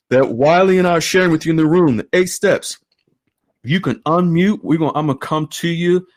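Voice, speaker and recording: A man hosting an online group call, animated and exclaiming often. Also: on the high side. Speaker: host.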